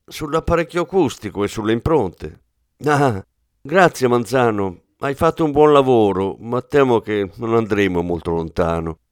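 A man's voice: mid-range voice, lively intonation, normal speed, no echo, lightly acted. A man reading an audiobook, playing a middle-aged police commissioner who talks in a dry, ironic way. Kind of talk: audiobook character voice.

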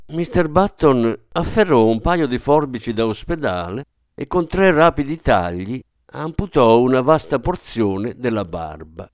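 Expressive male audiobook narrator. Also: mid-range voice, smooth, dry recording, clean studio sound. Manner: expressive, measured storytelling. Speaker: audiobook reader. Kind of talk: scripted literary narration.

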